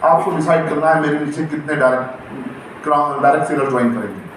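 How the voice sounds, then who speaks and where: A man's voice: fairly high pitch, brisk. A middle-aged man giving a motivational training seminar on direct selling to a live audience, calling out questions for the crowd to answer. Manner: call-and-response with the crowd, emphatic and rousing. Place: indoor event hall before an audience. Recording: very echoey hall, distant mic, faint noise.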